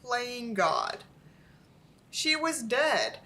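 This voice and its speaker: Reading a book aloud just to ridicule it, this host sounds worn out and under the weather, casual, sarcastic and prone to cursing. Her slightly high voice has a sharp edge and huge swings in pitch, and she speaks extremely slowly.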